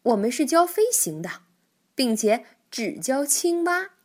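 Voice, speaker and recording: A woman voicing a polite, scheming male stork in a children's storybook, smooth and coaxing. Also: high-pitched, very animated, unhurried, darkish tone, heavily acted. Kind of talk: storybook reading.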